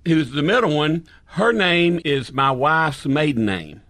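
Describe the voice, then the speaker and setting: A man's voice: a little high, animated, unhurried, a bit bright, no room sound. A middle-aged man on a casual podcast, a folksy storyteller who laughs easily and explains products plainly. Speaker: company founder and podcast regular.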